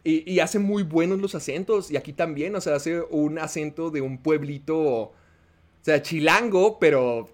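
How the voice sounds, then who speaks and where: A man's voice: a little high, unhurried. A man with a Mexican accent, a podcast host giving a rambling, casual film review with many fillers.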